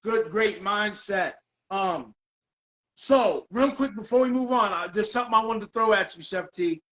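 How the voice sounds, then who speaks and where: A middle-aged man hosting a casual interview over a video call, excitable, exclaiming and repeating himself. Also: high voice, moderate pace, dull audio. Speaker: podcast host.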